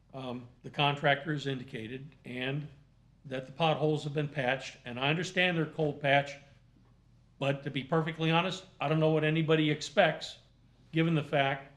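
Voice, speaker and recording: Measured man presiding as magistrate, higher-pitched voice. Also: fairly bright tone. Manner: measured, deliberate, halting formal phrasing. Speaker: magistrate presiding over a hearing. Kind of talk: formal hearing questioning and rulings.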